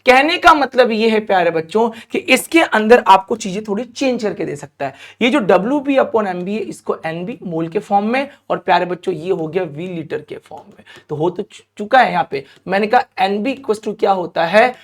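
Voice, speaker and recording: High-voiced man teaching a lively lesson. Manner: lively, coaxing, often asks students questions; stretches out key terms slowly. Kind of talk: classroom lecture to students.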